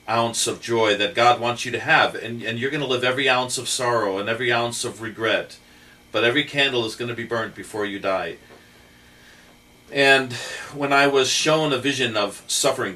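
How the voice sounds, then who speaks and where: A middle-aged man hosting a channel, speaking earnestly and gently about faith, with fillers and pauses. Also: medium pitch, distant mic, rough recording. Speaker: channel host. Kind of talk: heartfelt faith talk to camera.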